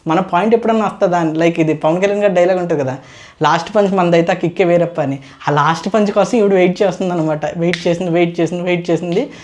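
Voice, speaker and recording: A woman reviewing a reality show episode in a casual video, retelling events in a lively storytelling way and acting out other people's lines. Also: fairly low pitch, racing, hardly any pauses.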